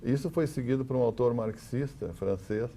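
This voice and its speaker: Speaking with a medium pitch and a dark tone, this Brazilian-accented man is an academic panel guest. His explanations come haltingly, with many repeated words.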